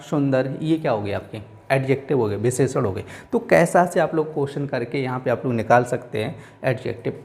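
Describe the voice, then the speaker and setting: A man's voice: medium pitch, creaky, darkish tone. A male teacher giving a classroom lecture who keeps asking his own questions and answering them, speaking English words.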